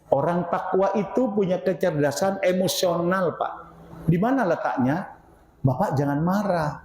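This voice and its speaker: Older male preacher, fairly high, mellow voice, animated rhetorical sermon, echoey mosque hall. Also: measured pace. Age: 60s. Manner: animated, rhetorical questions to the congregation, swings between loud and low. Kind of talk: mosque study-circle sermon.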